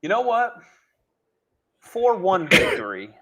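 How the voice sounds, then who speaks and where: A man's voice: sits high, huge pitch swings, slow pace, background noise. A man co-hosting a hockey podcast in casual chat, often laughing, with hesitant fillers. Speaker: podcast co-host.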